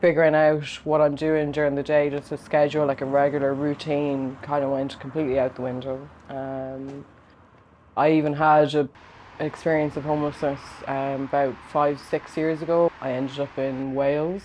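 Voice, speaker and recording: A man's voice: a little high, little pitch movement, moderate pace, darkish tone, slight background noise, low-quality recording. A man in his thirties with a west of Ireland accent, giving a candid personal account in a conversational way. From Galway, west of Ireland. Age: 30s. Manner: conversational, peppered with 'like' and 'you know'. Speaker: documentary interviewee.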